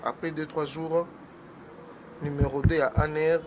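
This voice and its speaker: Animated man on a political talk show. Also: fairly high pitch, unhurried, lo-fi sound, background noise. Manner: animated, mixes French and Lingala. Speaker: guest commentator.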